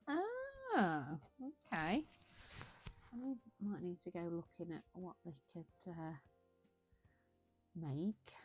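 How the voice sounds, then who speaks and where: A British woman with a low, husky-free everyday voice chats idly while she colours on a livestream. She drifts from thought to thought and corrects herself mid-sentence, sounding a little tired and yawning now and then. Soft music plays faintly behind her. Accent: British English. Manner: rambling, chatty, self-correcting. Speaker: livestream host colouring and chatting. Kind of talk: casual chat while colouring.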